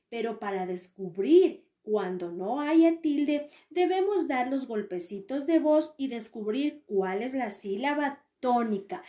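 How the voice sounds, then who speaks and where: A woman's voice: fairly high pitch, mellow. A woman with an Ecuadorian Spanish accent teaching an online class to young children, stressing syllables as she models words. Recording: echoey room.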